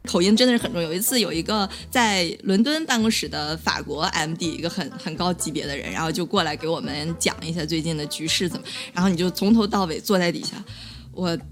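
Fast-chatting young woman vlogger. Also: on the low side, faint music behind. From China. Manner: chatty, laughs often, mixes in English words. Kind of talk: casual chat.

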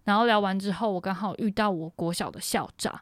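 A woman's voice: mid-range voice, fast talker, dry recording, studio quality. A young woman from Taiwan's Matsu islands, hosting a podcast and telling a story in a chatty, rambling way full of fillers and self-corrections. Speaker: podcast host. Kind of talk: casual storytelling monologue.

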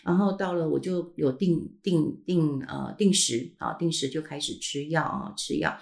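A middle-aged woman with a Taiwanese Mandarin accent hosts her own podcast in a slightly low, easygoing voice. She rambles warmly through a personal story, peppering it with fillers and soft "ha" tags, her throat not fully recovered. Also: moderate pace, gravelly. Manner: chatty, frequent filler sounds and trailing "ha" tags. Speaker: podcast host.

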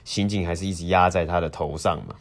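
A man co-hosting a casual news talk, halting and repeating phrases, mixing in English words. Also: low-pitched, steady tone. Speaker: podcast co-host.

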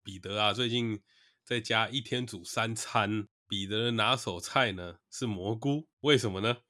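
A man's voice: on the low side, measured pace, sharp tone. A man with a Taiwanese Mandarin accent, hosting a casual podcast chat in a playful, teasing way. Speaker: podcast host.

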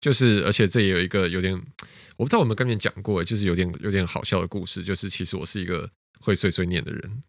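A podcast co-host chats in a relaxed, rambling, self-mocking way. His voice is lowish and he talks quickly. The sound is dry and close. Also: creaky, no echo. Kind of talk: casual chat.

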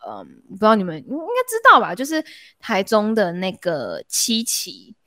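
A woman's voice: medium pitch, moderate pace, no echo, clean studio sound. A young woman with a Taiwanese Mandarin accent, hosting a podcast and telling a story in casual chat full of fillers and laughs. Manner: animated, laughs mid-story, lots of fillers. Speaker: podcast host.

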